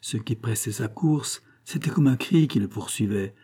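A man reading an audiobook aloud in a measured, expressive narrating style. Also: medium pitch, husky.

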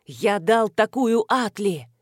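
Woman reading a fierce young male warrior, growling and forceful, dry close read. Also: medium pitch, expressive, slow pace, slightly rough, no echo. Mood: grim.

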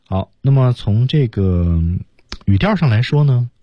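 A man's voice: mid-range voice, lively intonation, a little slow, no echo, highs cut off. A man teaching English on the radio, explaining each example line and then acting it out. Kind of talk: radio language lesson. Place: radio studio. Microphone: studio microphone.

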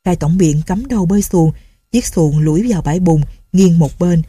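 Husky-voiced woman telling a story. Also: fairly low pitch, normal speed, dry recording, studio quality. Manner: steady, even storytelling. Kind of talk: audiobook story narration.

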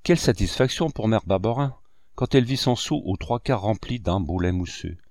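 A man reading a classic novel aloud with animated storytelling. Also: lowish voice, moderate pace, dry recording, clean studio sound. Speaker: audiobook reader.

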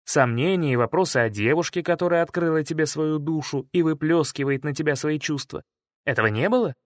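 A man voicing a calm, gentle male spirit who speaks softly and unhurriedly. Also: fairly high pitch, no echo, studio quality, lightly acted. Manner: soft, unhurried, gently mocking.

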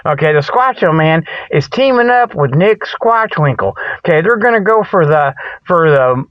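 This man's voice sits on the high side and is expressive, moving at a moderate pace with no room sound. As host of a comedic mock news report, he rambles folksily and colloquially through spoof sports and ad segments, frequently losing the thread, all on lo-fi audio.

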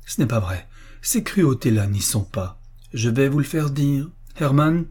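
A man's voice: mid-range voice, animated, measured pace, a little mellow, slightly rough, voice pushed up. A man reading an audiobook, voicing a young woman who pleads passionately with her lover. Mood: defiant. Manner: impassioned, pleading.

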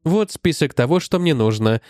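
A man putting on a high rusty old robot. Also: expressive, moderate pace, a little mellow, no echo, studio quality, natural voice. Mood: explaining. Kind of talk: audiobook narration.

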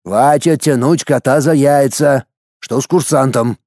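A man voicing a weary, gruff male squad commander. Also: mid-range voice, measured pace, darkish tone, dry recording, clean studio sound, natural voice.

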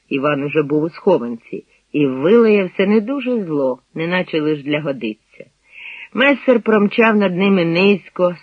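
A man narrating a war story as an audiobook, in an expressive storytelling manner. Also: sits high, breathy edge, no room sound, narrow, tinny audio.

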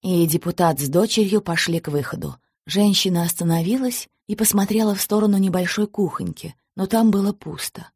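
A woman narrating an audiobook in a steady, plain storytelling manner. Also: mid-range voice, brisk, hardly any pauses, slightly rough, dry recording.

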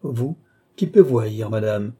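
A man's voice: lowish voice, lively intonation, measured pace, mellow, husky. A man voicing a playful young prince who banters like a schoolboy on holiday. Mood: merry, teasing. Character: playful young male prince, merry and teasing.

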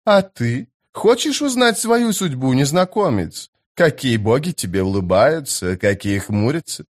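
A man's voice: mid-range voice, big pitch swings, unhurried. A man voicing an eerie old woman fortune-teller who speaks in a sly, teasing, grating way. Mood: sly mocking.

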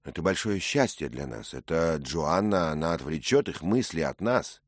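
A man's voice: a bass voice, expressive, moderate pace, no room sound, clean studio sound. A man voicing a bold, impulsive young squire who speaks in fervent exclamations, in a read-aloud story. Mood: puzzled.

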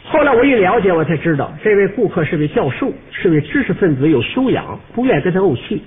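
A man performing a comic monologue, telling the story with lively, pointed asides to the audience. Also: sits high, fast. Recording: tinny old radio recording with faint hiss.

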